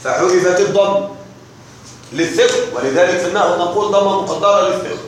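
A man teaching an Arabic grammar lesson, slowly repeating rules and often checking that his students follow along. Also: high voice. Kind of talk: classroom lesson explaining morphology. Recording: very echoey room with faint noise.

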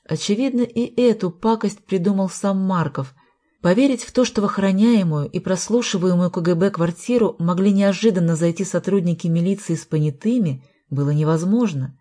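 Low-voiced woman narrating an audiobook. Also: dark tone. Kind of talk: scripted narration.

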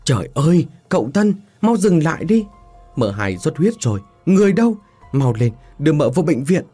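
Male narrator as a panicked servant, shrill and husky. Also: sing-song, normal speed, mellow, faint music behind. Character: frantic household servant.

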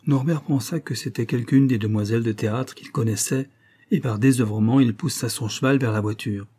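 A man narrating a novel as an audiobook in a measured storytelling manner. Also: mid-range voice, mellow, breathy edge. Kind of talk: scripted narration.

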